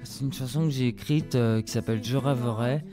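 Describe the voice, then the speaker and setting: A man casually introducing his own song, speaking in a halting, hesitant way. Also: mid-range voice, over loud music. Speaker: songwriter.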